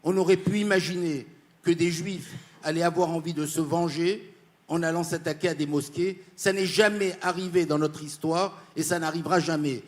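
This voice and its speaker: Earnest man from Morocco giving a speech. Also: high voice. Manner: earnest and insistent, repeating key points. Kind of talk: formal panel speech. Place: conference panel.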